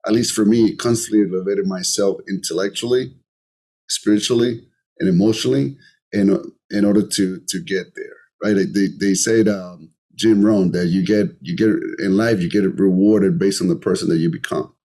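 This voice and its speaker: A middle-aged entrepreneur with a Colombian accent speaks earnestly as a podcast guest in a conversational interview, often repeating words while he searches for phrasing. His low-pitched voice is mellow and steady, at a normal speed.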